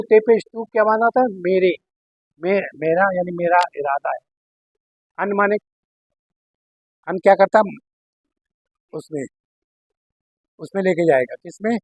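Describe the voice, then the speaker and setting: A man teaches Arabic grammar, walking through each word patiently and often pausing to check that his students understand. His voice sits fairly high and has a husky edge. The sound is dry and close, with no room echo. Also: lo-fi sound. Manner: explains step by step, checks understanding with "theek hai na". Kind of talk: classroom lesson explaining Arabic in Urdu.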